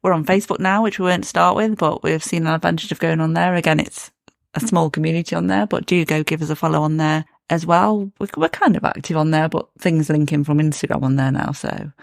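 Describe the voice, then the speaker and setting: Gravelly-voiced chatty podcast co-host. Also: mid-range voice, fairly quick, no room sound, clean studio sound. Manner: chatty, laughs often. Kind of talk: casual chat.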